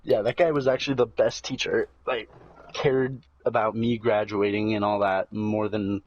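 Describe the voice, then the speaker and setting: A man's voice: lowish voice, level tone, normal speed, a little mellow. A twenty-year-old man chatting casually as a podcast co-host, blunt and full of swearing. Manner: blunt, profane. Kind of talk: casual chat. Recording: dull lo-fi sound.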